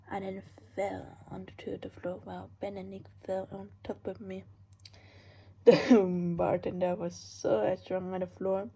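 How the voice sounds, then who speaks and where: A woman reading her own story aloud in a hushed, breathy half-whisper, often stumbling and restarting lines. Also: on the low side, rough recording.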